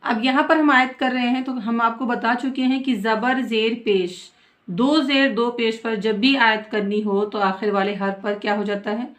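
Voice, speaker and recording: A woman with a fairly high voice and fairly even intonation teaches Quran recitation. Words are recited slowly and drawn out, after which she briskly goes over the rules and answers her own questions.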